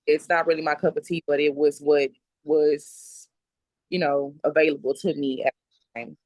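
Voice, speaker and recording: A woman from South Dallas, answering interview questions in a soft-spoken, plain, halting way. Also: low voice, flat delivery, no echo. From South Dallas, Texas. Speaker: interviewee, mother. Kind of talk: personal interview.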